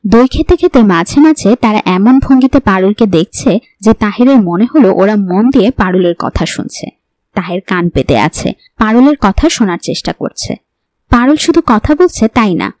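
A woman narrating a horror novel in a calm storytelling voice. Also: mid-range voice, no room sound. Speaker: audiobook narrator. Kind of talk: storybook narration reading all parts.

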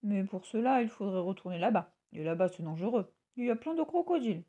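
A woman voicing a caring, cautious father bird in a children's story, speaking gently with warnings. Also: medium pitch, animated, fast talker, lo-fi sound, close to an everyday voice. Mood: cautioning.

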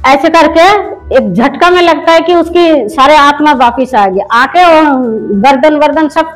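Middle aged indian woman telling her testimony, high voice, keeps restarting, soft music behind. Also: measured pace, rough recording. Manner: rambling storytelling with many restarts. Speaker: church member giving testimony. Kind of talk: spoken personal testimony.

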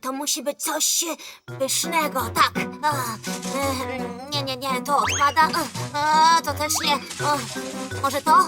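An actor voicing an excitable little boy who loves sweets in a cartoon dub, loud and easily thrilled. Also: high voice, slow pace, music in the background. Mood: excited. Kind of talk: cartoon dub, sung theme song.

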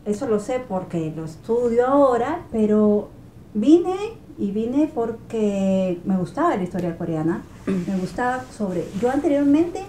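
A woman's voice: on the high side, expressive, unhurried, dark tone. A young woman with a Peruvian accent, a guest chatting earnestly in a small bedroom, picked up by a far camera. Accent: Peruvian Spanish. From Peru (Ica). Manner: earnest, searching for words. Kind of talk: casual conversation. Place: small pink bedroom, indoors. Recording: roomy indoor sound, faint noise.

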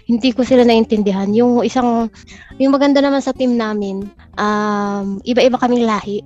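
A woman's voice: fairly high pitch, fairly even intonation, moderate pace, a little mellow, soft background music. A young woman from the Philippines, a guest architect telling stories in a casual podcast chat, often laughing mid-sentence. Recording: slightly dull lo-fi audio.

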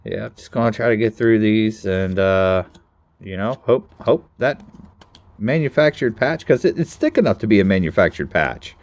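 Low-voiced excitable man opening card packs. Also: moderate pace, dry recording. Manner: excitable, talks to viewers, bursts into loud exclamations. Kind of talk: casual pack-opening commentary.

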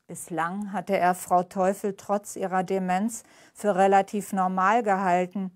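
A woman author reading from her crime novel at a live book reading, measured and clear. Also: mid-range voice, a little mellow.

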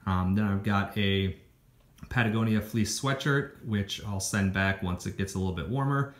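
Filming his hiking gear on a floor indoors, a young man lists it casually in voice-over, stumbling through ums and restarts. His voice is on the low side and his pace is moderate.

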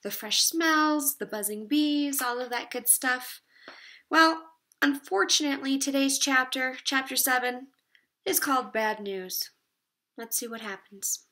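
A woman teacher reading a chapter book aloud to fourth graders with cheerful, expressive delivery. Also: high voice, measured pace. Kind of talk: read-aloud for students.

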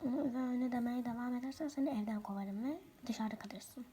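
A woman's voice: medium pitch, lively intonation, quick pace, creaky, darkish tone, slight background noise, voice pushed down. A woman voicing a strict stepmother who scolds her stepson sternly in a toy role-play story.

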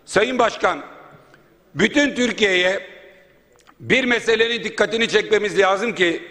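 A man's voice: high-pitched, unhurried, bright, forceful tone. A man speaking as a member of parliament at a podium microphone in a large chamber, making an indignant, rhetorical floor speech that piles up points. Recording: long reverb of a large hall.

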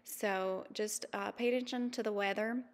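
A woman in her thirties narrating a travel vlog in a chatty, easygoing way, with frequent ums and quick laughs. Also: medium pitch, steady tone, long reverb tail. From mountain region. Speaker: vlogger. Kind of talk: casual voice-over narration.

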